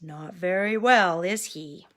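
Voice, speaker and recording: With a lowish voice, a woman reads a picture book to a toddler in an expressive, sing-song way, stopping to ask the child simple questions.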